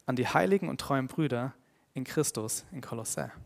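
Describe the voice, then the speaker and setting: A man preaching a sermon in an earnest tone, growing emphatic on his main points and dropping quiet and slow on key phrases. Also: medium pitch, lively intonation, creaky. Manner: earnest, grows emphatic and louder when stressing points.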